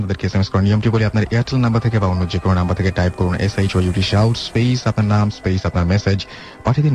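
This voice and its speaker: A man hosting a late-night radio call-in show, briskly reading out listener messages and introducing the next caller. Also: low voice, a little mellow. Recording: dull lo-fi radio broadcast.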